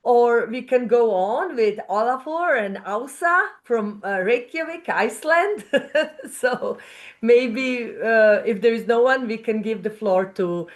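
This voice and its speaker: A woman's voice: a little high, expressive, slow pace. A woman moderating an online webinar, thanking speakers and passing the floor with some fillers.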